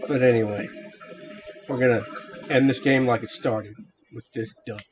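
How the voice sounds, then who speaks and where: A middle-aged man with an average-pitched voice chats casually as a game host. There is faint noise behind him as he gives his take. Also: fairly even intonation, normal speed. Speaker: host of a gameplay series. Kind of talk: casual chat reviewing a video game.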